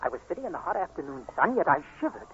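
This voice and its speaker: In this 1940s radio drama, heard through tinny, noisy audio, an actor voices an anxious, earnest blind young man. The tense narration comes rapid-fire and emotionally urgent, his fairly bright, slightly high voice swinging widely in pitch as he delivers it with dramatic intensity.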